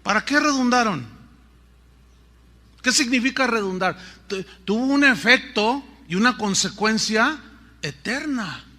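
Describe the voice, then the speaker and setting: A man's voice: very high voice, animated, measured pace, long pauses, pushed and bright. A middle-aged man, preaching a sermon with rhetorical questions and playful asides. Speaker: pastor.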